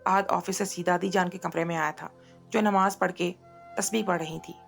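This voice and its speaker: Brief: female novel narrator, very gravelly, faint music behind. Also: on the low side, fairly even intonation, moderate pace. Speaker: audiobook narrator. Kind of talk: reading a romance novel aloud.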